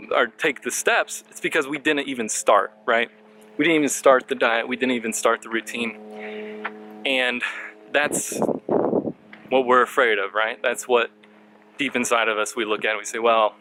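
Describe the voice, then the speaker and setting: A man's voice: mid-range voice, pushed and bright, a little hiss or hum, poor audio. A man giving earnest, encouraging motivational advice while outdoors on a bike trail, slightly out of breath. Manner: earnest, encouraging, asks viewers questions. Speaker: marketing vlogger. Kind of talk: motivational talk to camera.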